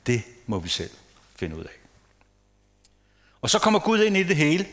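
A man giving a casual sermon to a congregation, chatting, asking the listeners questions and sometimes dropping to a hushed tone. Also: mid-range voice. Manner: conversational, asks the audience questions, playful asides. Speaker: preacher.

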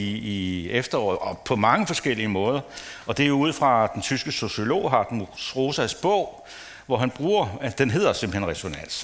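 A preacher with a mid-range voice gives a casual, chatty sermon to his congregation. He asks the listeners questions, tosses in playful asides, and sometimes drops to a hushed tone.

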